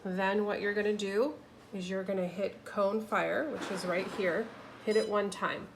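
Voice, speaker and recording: A woman's voice: mid-range voice, fairly even intonation, measured pace, noisy background. A woman giving a patient, step-by-step demonstration as an instructor, talking into the phone she films with. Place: kiln room. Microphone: phone held while filming.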